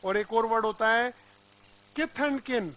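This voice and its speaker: A man teaching English words, his voice high and bright. He drills pronunciation and keeps quizzing the class. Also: slow pace, poor audio. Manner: drills pronunciation, quizzing students with repeated questions. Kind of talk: classroom vocabulary lesson.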